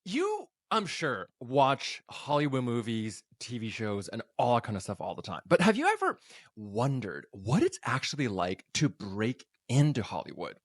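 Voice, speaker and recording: A man hosts a casual interview podcast, his pitch swinging widely as he talks. He sounds upbeat and laughs easily. The sound is dry and close, with no room around it. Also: normal speed, dry recording. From North America. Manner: animated, laughs often, upbeat. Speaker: podcast host.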